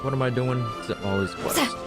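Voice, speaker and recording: Over game music, a male streamer gives casual gameplay commentary, thinking aloud and tossing in wry, sarcastic asides. His medium-pitched voice is very animated at a normal speed.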